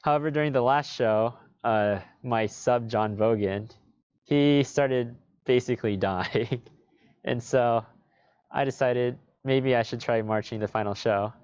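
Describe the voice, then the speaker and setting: A teenage boy calmly recounting a memorable experience in an interview. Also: medium pitch, a little slow, smooth, no echo, dull audio. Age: late teens. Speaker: graduating marching band member. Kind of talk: casual interview answer.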